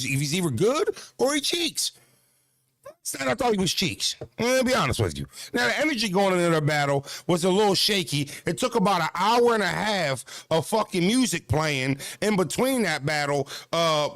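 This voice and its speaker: His voice sits high and sing-song, fairly bright, at a normal speed, in a dry recording. A man in his thirties who has just worked out chats casually to camera about battle rap and self-care, profane and full of "you know what I mean."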